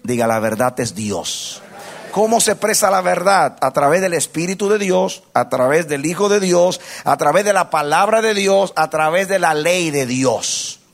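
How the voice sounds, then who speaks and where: A pastor preaching a sermon, leading the congregation in call-and-response and swinging from low murmurs to loud exhortation. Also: male voice, lively intonation, normal speed, vocal fry.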